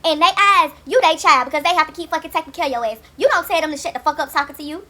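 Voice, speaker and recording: A woman's voice: high-pitched, rapid-fire, pushed and bright. A woman hosting a reality-TV recap vlog, brash, profane and opinionated in casual commentary. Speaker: YouTube reality-TV recap host.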